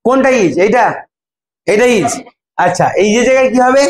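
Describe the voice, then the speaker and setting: Young male teacher, very high voice, coaxing students through drills; echoey classroom. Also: expressive, a little fast. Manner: prompting students by name, repeating words. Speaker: English teacher. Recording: echoey classroom, faint ambience.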